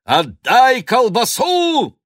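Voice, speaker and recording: A man voicing a brash, cheerful male swindler who shouts in loud, mocking, drawn-out calls in a storybook reading. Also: very high-pitched, huge pitch swings, no echo, studio quality, pitched above the performer's own voice, exaggerated voice. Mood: gleeful shouting.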